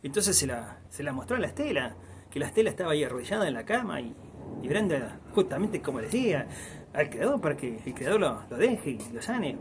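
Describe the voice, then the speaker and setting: An Argentine storyteller with a somewhat high, very animated voice tells a folk tale a little fast over a noisy background. His telling rambles in an oral style, and he keeps tagging lines with "dice."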